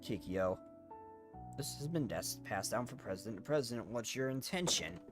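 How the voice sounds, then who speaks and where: A man voicing a grave, regretful anime game heroine, reading the dialogue aloud in a solemn, halting way. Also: mid-range voice, animated, close to an everyday voice. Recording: music under the voice.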